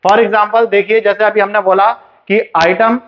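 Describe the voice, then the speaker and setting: High-voiced man teaching shorthand. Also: little pitch movement, a little slow. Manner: explains step by step, asks and answers his own questions. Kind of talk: classroom lesson. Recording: dull, muffled lo-fi recording.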